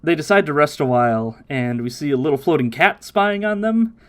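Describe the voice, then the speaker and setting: Animated man recapping on a podcast. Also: a little high, fairly quick. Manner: animated, mimics characters' voices while recapping. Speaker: podcast host. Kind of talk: casual podcast chat, recapping episodes.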